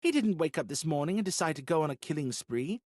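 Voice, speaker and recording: A man's voice: sits high, moderate pace, no room sound, clean studio sound, pitched above the performer's own voice, natural voice. A man voicing a worried young woman in an audiobook, who presses with anxious questions.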